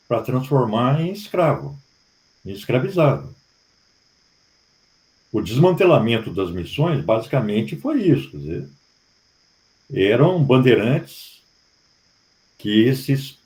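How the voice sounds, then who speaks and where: Mellow Brazilian professor explaining. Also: male voice, medium pitch. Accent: Brazilian Portuguese. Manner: explanatory, lecturing with tag questions. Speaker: professor leading a study group. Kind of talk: academic discussion.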